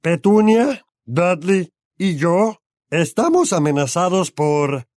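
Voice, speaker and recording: A man voicing a blustering middle-aged uncle who shouts and drags out his words in an audiobook. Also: high voice, big pitch swings, dry recording, clean studio sound, voice pushed up, heavily acted. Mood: bellowing angry. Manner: shouting, drawn-out and overbearing. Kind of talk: audiobook character voice.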